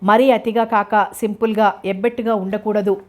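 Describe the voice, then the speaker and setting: A bustling elder brother gives quick instructions as he hurries to arrange a match, voiced by a woman reading a novel aloud. The pitch stays even and flat throughout. There is little change from the reader's own voice. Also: close to an everyday voice. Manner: hasty and bustling.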